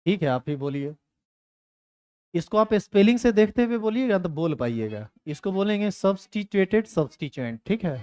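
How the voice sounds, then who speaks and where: A man's voice: high-pitched, sing-song, normal speed, mellow. A man teaching a chemistry class, teasing and scolding his students. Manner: scolding, teasing students in a rustic Hindi dialect. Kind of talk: classroom lecture.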